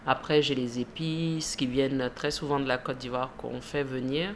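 A woman's voice: a bass voice, fairly even intonation, moderate pace, slight background noise. Hesitant woman in her thirties. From Ivory Coast. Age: 30s. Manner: hesitant, laughs often, many fillers. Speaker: grocery shop manager. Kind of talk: radio interview.

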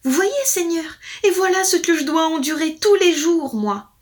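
A woman voicing a sly, quick-witted peasant husband in a storybook reading, brisk and wheedling. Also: extremely high pitch, pitched above the performer's own voice. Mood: sly, protesting.

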